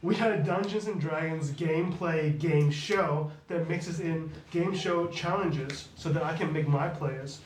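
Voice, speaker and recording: An excited, chatty man runs a tabletop game show as its game master, his voice sitting a little high. He is picked up from a distance in an echoey room with clear background noise. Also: unhurried, few pauses. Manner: excited, chatty, laughs often. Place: studio room around a table. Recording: roomy, distant mic with noise.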